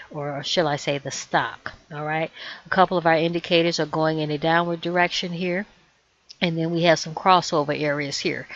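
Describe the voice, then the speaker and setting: Woman, hoarse and losing her voice, trading tutor, measured chart walkthrough, dull lo-fi recording. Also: deep voice. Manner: measured, explanatory, with cautionary asides. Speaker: trading educator. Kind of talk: screen-share stock chart tutorial.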